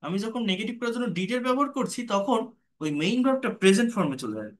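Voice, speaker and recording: A man with a Bengali accent teaching English grammar, speaking slowly and patiently and repeating example sentences. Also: sits high, very animated. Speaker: English tutor. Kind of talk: spoken grammar lesson.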